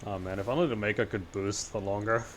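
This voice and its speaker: A man's voice: on the low side, fairly even intonation, quick pace, slight background noise. Casual man commentating on his gameplay. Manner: talks to himself while playing. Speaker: video game player commentating. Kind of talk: casual gameplay commentary, reading game text aloud.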